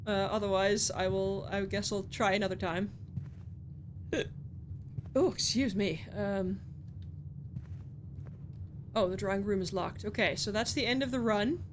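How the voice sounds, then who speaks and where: Slow-talking exasperated woman streamer. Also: mid-range voice, noisy background. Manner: frustrated, swearing, pleading with the game. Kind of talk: live game commentary.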